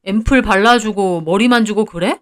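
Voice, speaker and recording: A woman's voice: mid-range voice, moderate pace, close to an everyday voice. A woman voicing a jealous, moody young boyfriend in a storybook-style drama, talking curtly and sulkily. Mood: sulky. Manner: curt, sulky, then wheedling.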